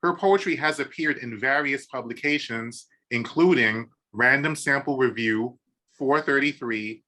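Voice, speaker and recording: A podcast host interviews a guest about poetry over a video call, enthusiastic, dropping many "um"s and repeating "awesome." His mid-range voice is bright and forceful, and he speaks unhurriedly.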